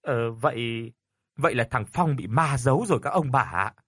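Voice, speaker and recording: A man's voice: mid-range voice, lively intonation, normal speed, a bit bright, husky, dry recording, clean studio sound. A man voicing a superstitious clan elder talking to relatives. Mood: relieved.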